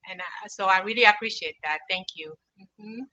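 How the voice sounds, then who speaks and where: A woman from Cameroon pitches her app over a video call. Her voice is very bright and ringing. She speaks earnestly, pausing often with fillers and restarts. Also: poor audio. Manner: earnest, halting with many fillers. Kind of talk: online pitch presentation.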